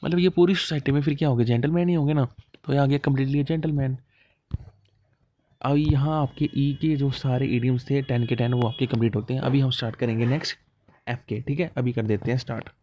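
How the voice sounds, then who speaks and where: A man's voice: mid-range voice, steady tone, a little fast, warm tone, muffled recording. Chatty man teaching idioms. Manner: explains step by step, asks and answers his own questions, acts out little dialogues. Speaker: exam coaching teacher. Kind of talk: casual classroom explanation of idioms.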